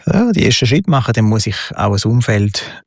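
Gravelly Swiss German man, hesitant. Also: on the low side, big pitch swings, moderate pace, no room sound, clean studio sound. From Switzerland and southern Italy. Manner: hesitant, many fillers and restarts, reflective. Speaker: guest. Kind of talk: conversational interview.

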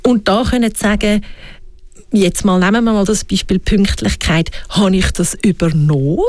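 In this reflective conversation, a Swiss woman with a Swiss German accent appears as a guest and often asks herself questions aloud. She speaks at normal speed with a medium, slightly mellow voice, and there's no room sound.

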